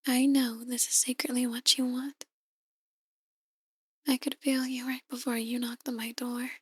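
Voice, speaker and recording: Playing a seductive, possessive demon who outwardly reads tarot, an actress in an ASMR roleplay speaks in a very high but hushed, breathy voice. Her delivery is flat and slowly coaxing, frequently sinking into whispers. The recording is dry and close, with no echo.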